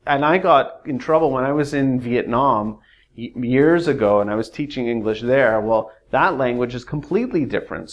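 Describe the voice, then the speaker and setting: A man teaching a casual English pronunciation lesson, rambling and hesitant with many fillers. When reading verse, he uses exaggerated rises and falls. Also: medium pitch.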